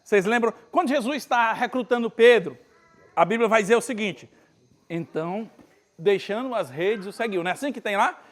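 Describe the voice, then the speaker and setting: At a retreat, a pastor from northeastern Brazil delivers a relaxed, chatty sermon, dramatizing Bible stories in casual, lively speech. His voice sits high and his pace is normal.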